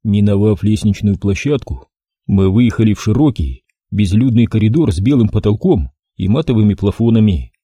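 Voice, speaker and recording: Brief: man reading a crime novel in first person, animated, dry booth sound. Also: on the low side, normal speed, breathy edge, dry recording. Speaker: audiobook narrator. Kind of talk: first-person audiobook narration.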